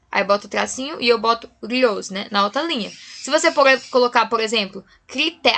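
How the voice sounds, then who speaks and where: A woman with a Brazilian Portuguese accent teaches a writing class remotely, walking through each point step by step. Her voice sits a little high and sounds bright and forward. She keeps checking in with her students through short tag questions.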